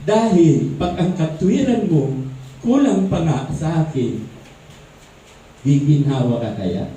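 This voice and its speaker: A man's voice: fairly high pitch, animated, slow pace, mellow. A man preaching a sermon, talking conversationally and asking the congregation questions. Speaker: pastor. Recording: echoey hall, distant mic, faint noise.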